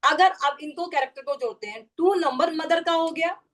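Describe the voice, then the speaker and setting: Lady with a high voice teaching numerology on a video call, keeps asking if u got it. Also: normal speed, a bit bright. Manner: explanatory, keeps checking understanding with questions. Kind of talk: online class lecture.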